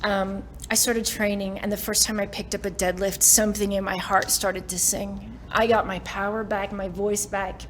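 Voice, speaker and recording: A Canadian keynote speaker in her forties addresses a live audience from a summit stage, giving a chatty, self-mocking motivational talk and often laughing between lines. Her mid-range voice is delivered flatly at a moderate pace with few pauses, over a little hiss or hum.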